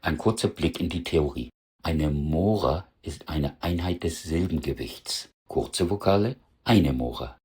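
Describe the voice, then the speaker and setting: Very deep slow husky man. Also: expressive, darkish tone. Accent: northern German. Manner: slow, deliberate, pronounces example words carefully. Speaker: dialect language teacher. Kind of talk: explanatory lesson with spoken word examples.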